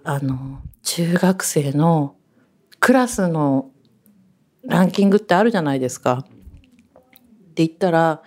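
A woman hosting a radio show, telling rambling stories in a chatty, animated way. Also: deep voice, measured pace, pauses often. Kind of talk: casual radio chat.

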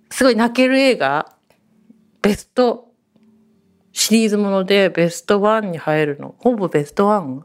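A woman hosting a radio show, telling rambling stories in a chatty, animated way. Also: mid-range voice. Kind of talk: casual radio chat.

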